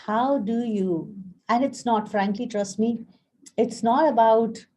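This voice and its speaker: Mellow-voiced chatty woman life coach. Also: on the high side, slow pace. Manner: chatty storyteller, acts out quoted dialogue; frequent fillers and restarts, friendly address to viewers. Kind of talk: live-streamed casual talk.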